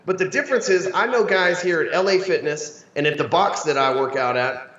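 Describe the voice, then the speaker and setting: Male interview guest, slightly high voice, brash and profane, casual slangy delivery, dull roomy recording. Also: brisk, fairly bright tone, distant mic. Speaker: sales coach, interview guest.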